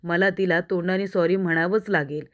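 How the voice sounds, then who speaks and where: A woman narrating an episode recap in a steady storytelling manner, turning often to address her viewers. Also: on the low side, moderate pace, dull audio.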